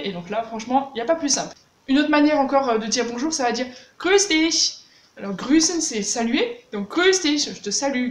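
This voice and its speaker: High-voiced woman teaching German. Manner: chatty, demonstrates German words with exaggerated pronunciation. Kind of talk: casual video lesson. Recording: echoey room with faint hiss.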